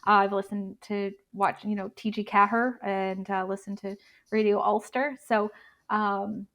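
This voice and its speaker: Canadian woman, 30s, interview guest, even tone, stop-start phrasing. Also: medium pitch. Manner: halting, many restarts and fillers. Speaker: guest bagpiper. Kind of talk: casual interview chat.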